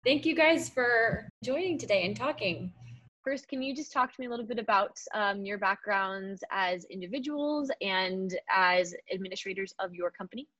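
A woman's voice: mid-range voice, moderate pace, a bit bright, dull audio. A young woman hosting an interview podcast, reading a scripted intro and then asking friendly conversational questions. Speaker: podcast host.

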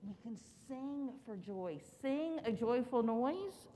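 A woman's voice: on the high side, expressive, slow, a crowd in the background. A woman leading a children's sermon, talking sweetly and patiently with young children in simple questions and repeated answers. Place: large church room. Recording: echoey church hall, faint background noise.

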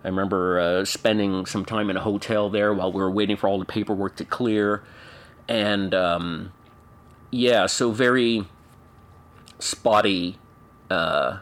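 Man, 40s, from Canada; low, reflective interview guest who hesitates and restarts a lot. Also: steady tone, unhurried, a bit bright. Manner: thoughtful, hesitant, many fillers and restarts.

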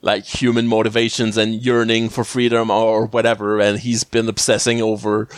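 A man's voice: fairly low pitch, completely flat delivery, moderate pace, clear, resonant tone, no room sound. Male podcast co-host, casual rambling recap, lots of "uh" and "like", dry close sound. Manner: rambling, many fillers and restarts, frequent laughs.

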